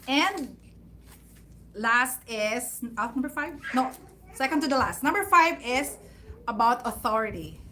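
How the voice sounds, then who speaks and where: Brief: woman, 30s, parenting-vlog host; chatty and laughing, higher voice, faint noise in the background. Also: animated, a little slow, long pauses, bright, forceful tone. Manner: chatty, laughs often, acts out quotes. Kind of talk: casual livestream talk.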